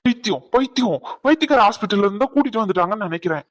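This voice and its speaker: A man's voice: sits high, expressive, very fast, dry recording. Man voicing a teasing cartoon prankster. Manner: mocking, teasing, laughs often. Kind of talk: cartoon voice acting.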